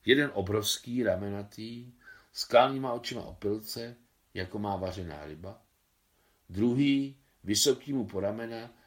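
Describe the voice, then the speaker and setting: Lower-voiced man reading a story. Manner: steady storytelling, occasional slips corrected. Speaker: reader of a short story. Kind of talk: scripted story narration.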